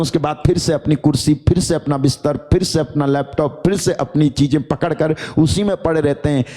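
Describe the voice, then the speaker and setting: A man's voice: fairly high pitch, mellow, in a large hall. A male pastor preaching a sermon in an emphatic style, driving his points home through repetition.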